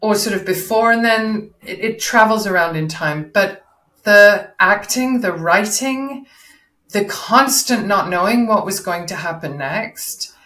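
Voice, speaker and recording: A woman who works as a voice and performance coach, talking as a guest in an interview in a measured, explanatory way. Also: medium pitch, sharp tone. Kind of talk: casual interview.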